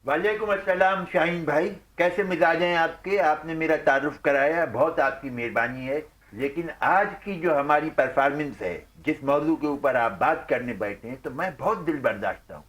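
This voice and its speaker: A man, a sports journalist on a talk-show panel, speaking with theatrical indignation and breaking into loud outcries. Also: fairly high pitch, normal speed, few pauses. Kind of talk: dramatic emotional talk-show rant.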